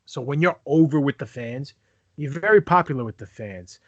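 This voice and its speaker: A man's voice: medium pitch, animated, normal speed, no room sound, highs cut off. A man hosting a casual fan podcast, introducing segments in a playful, showman-like way. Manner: playful, showman-like, explaining wrestling lingo. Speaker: podcast host. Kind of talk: casual chat.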